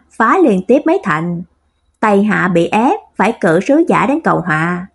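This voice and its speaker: A woman narrating a storybook in a steady, even reading voice. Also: medium pitch, gravelly, breathy edge. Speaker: audiobook narrator.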